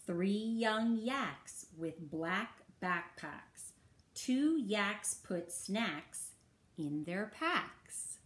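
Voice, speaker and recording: A woman reading a rhyming picture book aloud for children in a slow, rhythmic sing-song. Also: mid-range voice, lively intonation, a bit bright. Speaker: children's story reader. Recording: roomy echo.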